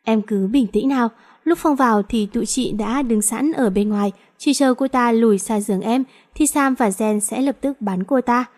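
A cool, commanding older sister from a romance audiobook, calm and self-assured with a quiet menace, as a woman reads her. The voice sits slightly high and speaks evenly. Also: normal speed, lightly acted.

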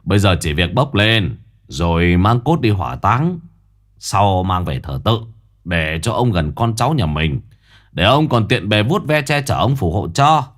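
A man voicing a greedy, crafty old fake sorcerer who talks low and wheedling. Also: big pitch swings, a little slow. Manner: low, gruff, sly and wheedling.

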